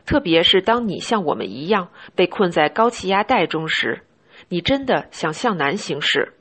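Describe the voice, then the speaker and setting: A woman's voice: on the low side, very animated, normal speed, a bit bright, slightly rough. A woman reading a voice-over translation of a sailor's spoken log.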